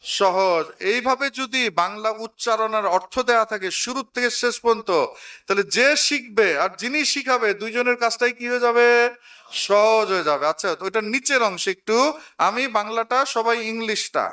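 A man's voice: high voice, normal speed, pushed and bright, distant mic. A man teaching English to a crowd, saying phrases for them to repeat back. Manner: drills a crowd, repeating words for them to echo. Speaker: English teacher and guest speaker. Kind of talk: call-and-response English lesson. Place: outdoor event ground.

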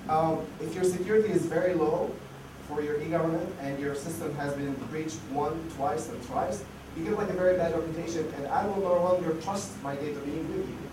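With a fairly high pitch and a steady tone, a conference speaker talks fairly quickly in a casual style, restarting often, using lots of fillers, and losing his voice. The hall is echoey and noisy, and the mic is far off.

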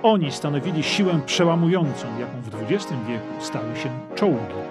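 Over loud music, a middle-aged man talks fairly quickly with a fairly high pitch and lively intonation, his words ringing with a long reverb tail. He's presenting a history documentary on a lapel mic, pointing at armour and explaining it inside a dim brick castle armoury.

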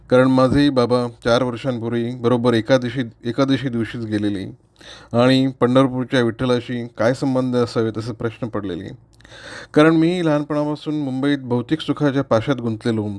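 A middle-aged man from Maharashtra reading a friend's essay aloud at home, earnest and reflective, with measured pacing and occasional slips. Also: medium pitch, a little mellow. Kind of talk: read-aloud narration.

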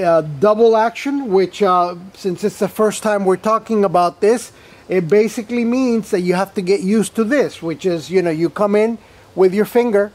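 A high-pitched man with a darkish tone hosts an airbrush tutorial show, demonstrating the tool at a table in an indoor table-top studio. His casual product demo rambles, full of fillers, restarts and playful asides.

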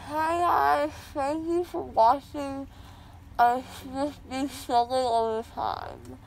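A woman's voice: sits high, fairly even intonation, slow pace, creaky, a little hiss or hum, rough recording. A teenage girl talking in a groggy, giggly way with her mouth stuffed with gauze after dental surgery. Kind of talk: casual vlog chat.

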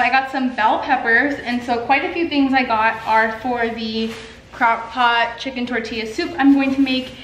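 High-pitched and a bit bright, a young woman in her twenties chats casually to camera as an artist vlogger at home. She fills her speech with filler words and gestures busily, filmed on a stand-mounted camera in her living room and kitchen. The recording is echoey with slight background noise.

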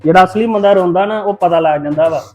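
Brash teasing Punjabi man, rapid talk. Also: sits high, muffled recording. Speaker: brother in a family drama. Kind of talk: Punjabi web-series acting.

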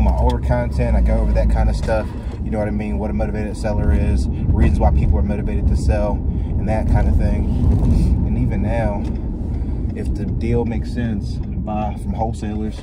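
A young man, a real estate investor, talking casually to camera in a relaxed, chatty way and often asking "you know what I mean?". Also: fairly low pitch. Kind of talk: casual vlog talk to camera. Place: first indoors in an empty house, then inside a parked car. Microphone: phone camera held at arm's length, then mounted on the dashboard. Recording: loud background noise on a phone recording.

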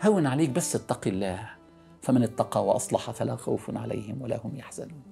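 Gravelly fast-talking Egyptian preacher. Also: male voice, mid-range voice, lively intonation, faint music behind. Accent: Egyptian Arabic. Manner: earnest, coaxing, repeats words for emphasis, drops to a soft hush. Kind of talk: motivational religious talk.

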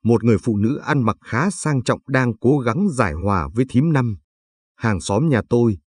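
A man narrating a read-aloud story in a calm, measured manner, with a husky voice. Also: medium pitch, no room sound. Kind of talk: scripted narration.

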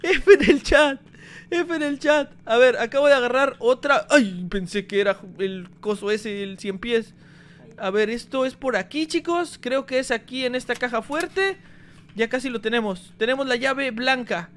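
A man giving energetic gameplay commentary, talking straight to his viewers. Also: extremely high pitch, normal speed. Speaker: gaming YouTuber.

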